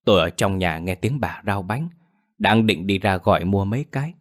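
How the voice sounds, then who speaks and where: Blunt neighborly villager in a ghost story, chiding and plain-spoken, voiced by a deep-voiced man. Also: expressive, moderate pace.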